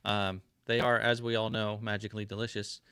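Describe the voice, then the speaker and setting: An American man hosts a livestream podcast, chatting casually and asking lots of curious questions, full of ums and uhs. His lowish voice is brisk and flat in delivery, with a sharp, clear, resonant tone.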